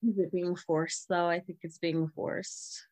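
A woman's voice: on the low side, level tone, measured pace, darkish tone. A woman co-hosting a podcast in casual chat, giggly and gossipy, calling herself petty. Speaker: podcast co-host.

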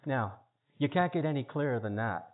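A man's voice: mid-range voice, lively intonation, normal speed. A man explaining a religious argument in earnest, casual talk, stressing key words and often repeating himself. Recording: tinny phone-like line.

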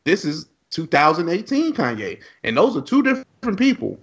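A man co-hosting a casual podcast chat, blunt and animated, laughing often and swearing freely. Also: sits high, normal speed, highs cut off. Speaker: podcast co-host.

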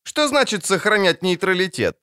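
A man's voice: high voice, very animated, normal speed, pushed and bright, pitched above the performer's own voice, heavily acted. A man voicing a cheeky young girl in an audiobook, pert and teasing. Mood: curious. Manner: pert, sing-song teasing. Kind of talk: audiobook character voice.

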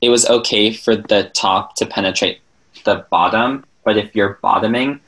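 A man's voice: lowish voice, fairly even intonation, moderate pace, a bit bright. A young man as a podcast guest in casual chat, joking dryly and filling his talk with "like.". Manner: sarcastic, joking, many "like" fillers.

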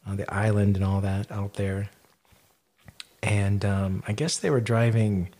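A man's voice: fairly low pitch, darkish tone. A man hosting a podcast, casually retelling eyewitness stories in a rambling way, with lots of fillers and restarts. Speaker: podcast host.

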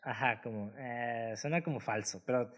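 A man's voice: mid-range voice, moderate pace, a bit bright. A man with a Mexican accent co-hosts a casual film review chat. He talks in a laid-back, slangy way full of filler words. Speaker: podcast co-host.

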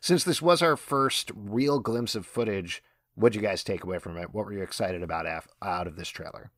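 A man's voice: on the low side, moderate pace, fairly bright tone, no room sound. Man, podcast host, casual panel chat, dry close sound, steers the talk. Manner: guides the discussion, asks the panel questions.

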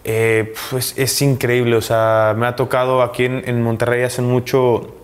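Candid Mexican man, halting speech. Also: medium pitch, level tone. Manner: candid, halting, many restarts and fillers. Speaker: interview guest, professional footballer. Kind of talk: casual conversational interview.

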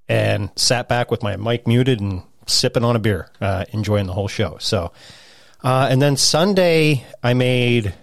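Forty-something guy cohosting, chill and jokey, cusses, dry mic, mid pitch. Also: gravelly, no echo. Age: 40s. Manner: laughs often, easygoing, swears. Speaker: podcast co-host. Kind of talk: casual crude banter.

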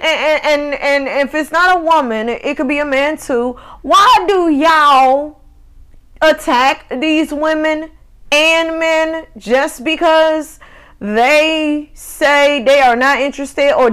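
A woman's voice: sits high, fairly bright tone. A woman, hosting a casual solo podcast rant that is profane and rambling, full of laughs and restarts. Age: 30s. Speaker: podcast host.

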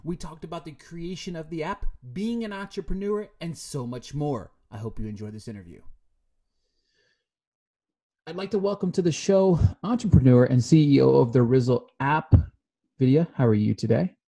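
Mellow-voiced male podcast host. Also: on the high side, animated, normal speed. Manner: friendly, rambling with restarts. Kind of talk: casual interview chat.

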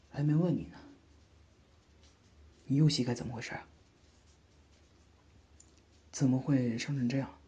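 A man voicing a gentle, doting older brother who comforts and teases softly in a whispered role-play. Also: medium pitch, lightly acted. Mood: teasing concern. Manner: soft, soothing, coaxing, lightly teasing. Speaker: older brother tending a sister's wound.

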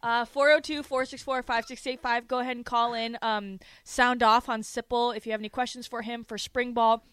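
Woman radio host, bossy and teasing, bright crisp tone, casual studio banter. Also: fairly high pitch, level tone, a little fast, dry recording. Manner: bossy, teasing, laughs often.

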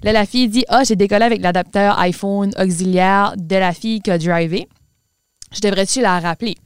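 Québécois woman podcast co-host, smooth clear voice, dry close sound, lively storyteller mixing in English. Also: mid-range voice, brisk, no echo. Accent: Québécois French. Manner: mixes English words into French, animated storyteller. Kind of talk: casual storytelling chat.

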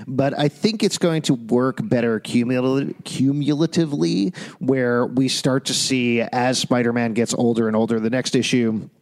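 A man hosts a casual comic review podcast with a mid-pitched voice. The space around him is echoey, like a makeshift hall rather than a studio. He talks in a conversational, off-the-cuff way. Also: moderate pace, hardly any pauses. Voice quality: echoing, from an improvised roomy space. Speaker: podcast host. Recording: echoey room outside usual studio.

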